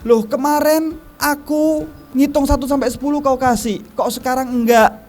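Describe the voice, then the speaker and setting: A man voicing a stubborn little kindergarten child who shouts and cries, inside a sermon story. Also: fairly even intonation, moderate pace, faint music behind. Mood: crying, shouting. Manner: shrill crying shouts.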